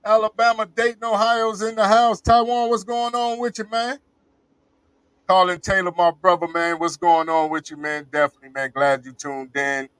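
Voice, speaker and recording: A man hosting a casual interview show, upbeat and giving shout-outs to viewers. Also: fairly high pitch, fairly even intonation, moderate pace, clean tone, no room sound, poor audio. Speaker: show host.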